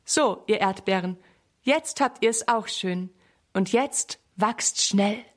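A woman's voice: medium pitch, slow pace. A woman voicing an eager, cheerful little boy in a read-aloud children's storybook. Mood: fond.

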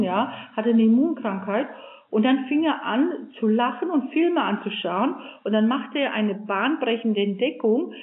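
An older woman speaks as an interview guest, telling stories in an earnest, animated way with frequent fillers. Her voice sits a little high and comes through a thin, phone-like line. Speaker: guest, religious sister and author. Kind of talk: storytelling in a radio interview.

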